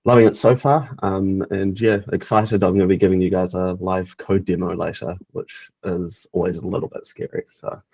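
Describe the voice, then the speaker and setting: Low gravelly man on a dull call line. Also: normal speed, hardly any pauses, no echo. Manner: relaxed, hesitant fillers. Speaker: software engineer. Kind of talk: casual self-introduction. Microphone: video call. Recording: distant, dull video-call audio.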